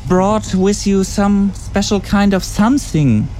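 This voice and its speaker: A male radio host with a slightly high voice talks casually on location. His phrasing is halting and non-native, and clear noise sits behind him. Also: a little mellow. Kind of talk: casual on-site radio interview. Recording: clearly noisy camp background.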